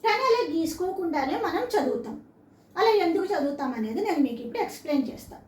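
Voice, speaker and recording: A woman's voice: very high voice, big pitch swings, quick pace, a little mellow, slight background noise. A woman teaching a lesson to children, patiently spelling words out syllable by syllable and asking the listener questions. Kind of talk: classroom-style lesson for children. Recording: roomy echo, mic set far off.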